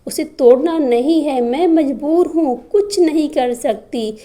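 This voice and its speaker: A tired, helpless mother speaks in quiet, pleading tones, as a woman narrator reads her lines. The voice stays high but soft and mellow, and it moves slowly, like someone who has given up. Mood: resigned. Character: weary, resigned mother, helpless and sad.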